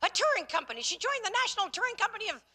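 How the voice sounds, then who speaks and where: An actress playing a flustered nun who heads a convent, stammering evasive excuses in a TV comedy sketch. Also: female voice, very high voice, very animated, rapid-fire, sharp tone, full character voice. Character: flustered nun, head of a convent, dodging a visitor.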